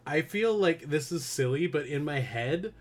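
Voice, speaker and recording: A man's voice: a little high, lively intonation, moderate pace. A man hosting a casual podcast, joking and laughing often as he chats with his co-host.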